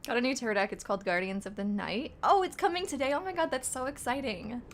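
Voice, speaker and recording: A woman's voice: a little high, fast talker, slight background noise. Tired-voiced young woman chatting on a stream. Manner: rambling, chatty, greets viewers, laughs often. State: tired, slightly rough voice. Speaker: livestream host and tarot reader. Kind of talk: casual livestream chat.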